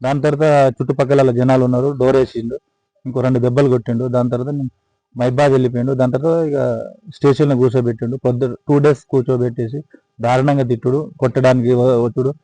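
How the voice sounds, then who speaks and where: A man's voice: medium pitch, no echo, rough recording. A man earnestly recounting his experience with police to a news camera, retelling the dialogue. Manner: fast, flat, earnest retelling with quoted dialogue. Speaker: complainant recounting police abuse. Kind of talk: personal account to news camera.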